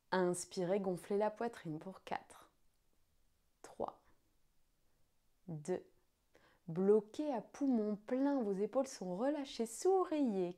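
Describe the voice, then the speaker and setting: A woman guiding a breathing exercise as a yoga teacher, counting breaths slowly with pauses between the numbers. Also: medium pitch, warm tone.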